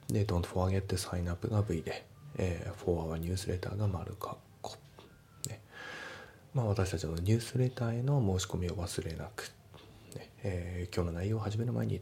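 A man teaching English, breaking sentences into parts and reading English lines slowly, then explaining pronunciation. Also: low voice, creaky, mellow, slight background noise.

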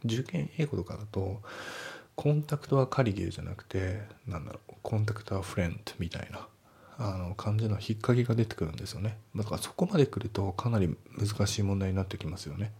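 A man's voice: lowish voice, quick pace, creaky, warm tone, slightly rough. A man teaching English for an exam, breaking sentences down step by step with casual asides. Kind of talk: spoken exam-prep lesson.

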